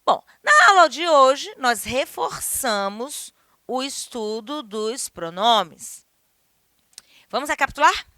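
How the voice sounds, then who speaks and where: A woman's voice: high voice, animated, slow pace, pushed and bright, no room sound, clean studio sound. A woman teaching a grammar lesson, explaining patiently and checking in with her class often.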